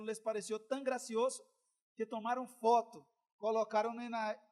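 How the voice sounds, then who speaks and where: Middle-aged male preacher, very high pitch, storytelling sermon that swells into loud exhortation. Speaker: pastor.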